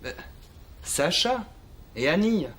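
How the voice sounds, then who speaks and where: An actor playing a young French neighbour in a sitcom, who asks bemused questions. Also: male voice, sits high, big pitch swings, slow, a bit bright, heavily acted. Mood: puzzled. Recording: sitcom clip with background noise.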